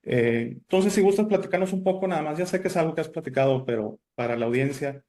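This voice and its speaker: A man's voice: fairly high pitch, quick pace, a little mellow. A man from Italy, raised elsewhere, hosting an interview in a chatty way with many fillers and restarts. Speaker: host. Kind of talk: casual interview chat.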